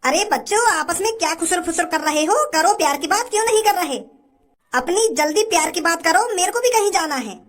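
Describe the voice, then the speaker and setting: A woman's voice: very high-pitched, expressive, brisk. A woman voicing a stern middle-aged cartoon father who scolds and bosses the young men around. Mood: teasing. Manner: scolding, bossy. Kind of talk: cartoon comedy dubbing.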